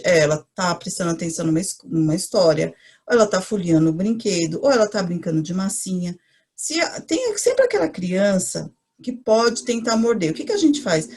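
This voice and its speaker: A woman's voice: fairly high pitch, a little mellow, slightly rough. A woman with a Brazilian accent, a preschool educator, explaining in a chatty way and answering her own questions. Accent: Brazilian Portuguese. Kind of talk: casual explanatory talk.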